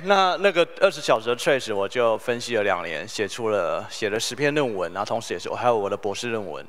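A man's voice: fairly low pitch, fairly bright tone. A man, giving a humorous, story-driven conference keynote. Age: 40s. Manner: humorous, storytelling, self-deprecating. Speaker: keynote speaker. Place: conference hall.

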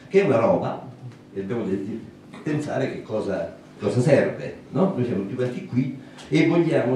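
Man, 60s, lecturing to a small audience; mellow, lively pitch, very reverberant distant recording. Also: a little hiss or hum. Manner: thoughtful, pausing, with many fillers and restarts. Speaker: speaker at a public talk. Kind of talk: public lecture. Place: small meeting room, indoors. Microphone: handheld mic, recorded by a far camera. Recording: roomy echo from a distant camera.

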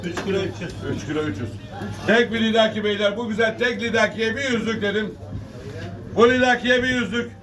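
High-voiced male fish auctioneer, distant mic. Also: brisk, fairly bright tone. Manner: repetitive sing-song auctioneer calls to the crowd. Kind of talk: auctioneer calling weights, prices and bids. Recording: distant mic, noisy market, birds cooing.

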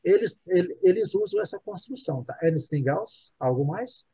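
A man's voice: fairly high pitch, lively intonation, normal speed, mellow, husky, no echo. A man teaching English casually to a group, modeling words and explaining, often checking in with the class.

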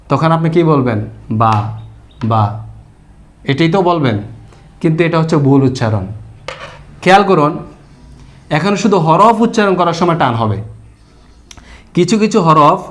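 কুরআন পড়া শেখানো এক পুরুষ শিক্ষক, যিনি ধৈর্য ধরে ব্যাখ্যা করেন, একই কথা বারবার বলেন এবং প্রশ্ন করে নিজেই উত্তর দেন।. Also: male voice, fairly high pitch. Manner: explains patiently, repeating points and asking rhetorical questions. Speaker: Quran reading teacher. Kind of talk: lesson.

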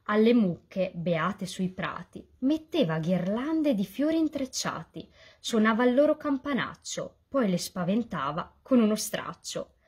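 Husky, sing-song woman reading a children's story. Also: medium pitch, measured pace, few pauses. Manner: lively, sing-song rhyming delivery. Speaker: volunteer children's book reader.

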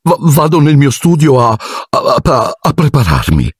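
Man doing a high, stammering vain wizard. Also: huge pitch swings, measured pace, gravelly, dry recording, clean studio sound, full character voice. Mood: flustered. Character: vain cowardly male wizard teacher, flustered.

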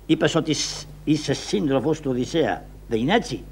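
A man voicing a calm lotus-eater islander in a shadow-puppet play, speaking softly and coaxingly. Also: fairly high pitch, slight background noise, natural voice. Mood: soothing. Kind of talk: traditional shadow-puppet theatre voice.

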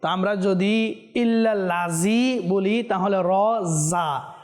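On a televised lesson, a man teaches Quran recitation, chanting verses slowly and melodically in a voice that sits high. Between the drawn-out recitations he gives quick, earnest explanations of corrections and repeats them for viewers.

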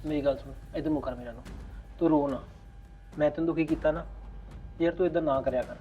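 A man's voice: sits high, very fast, lo-fi sound, natural voice. A man playing a volatile jealous husband. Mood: coaxing. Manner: swings from soft coaxing to loud shouting. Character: volatile jealous young husband, possessive and unstable. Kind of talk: Punjabi web drama acting. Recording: echoey room, off-mic, music bed.

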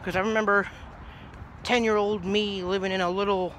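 In a grassy yard beside a brick house, a twenty-something vlogger from New Jersey speaks casually to a phone held low at arm's length. His high voice is level, a bit bright, and at normal speed over slight background noise, and his talk wanders easily.

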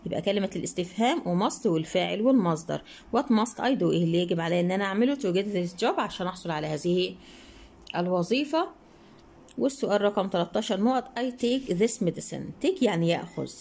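A young woman with an Egyptian Arabic accent, teaching English grammar and answering workbook questions. She reads English sentences slowly, then explains them fast and keeps asking her students rhetorical questions. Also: lowish voice, animated, vocal fry, darkish tone.

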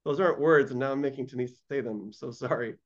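A man hosts a live stream in a casual, rambling way and pokes fun at himself. His voice sits at a middle pitch. The audio is a little dull and lo-fi. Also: quick pace. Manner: joking, self-deprecating, rambling. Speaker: livestream host.

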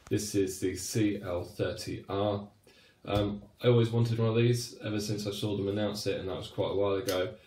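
A deep-voiced man in his thirties talks through a product review in a loose, chatty way, full of fillers and restarts. His voice rings with the echo of a small, hard-walled room. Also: fairly even intonation, moderate pace, hardly any pauses, warm tone. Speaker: cycling light reviewer. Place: small wooden shed, then a home room.

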